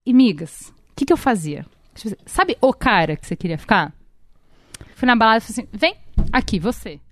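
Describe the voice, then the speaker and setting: A Brazilian woman in her thirties with a slightly high voice tells a long personal story. She talks casually and rambles through fillers and restarts. The sound is dry and close, with no room around it. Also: big pitch swings, brisk, a bit bright, no echo. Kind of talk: casual chat.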